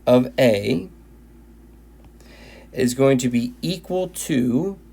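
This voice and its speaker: In a recorded video lecture on linear algebra, a male math teacher speaks very slowly in an animated yet mellow mid-range voice. He sounds tired and is going hoarse, and he often restarts and repeats his phrases.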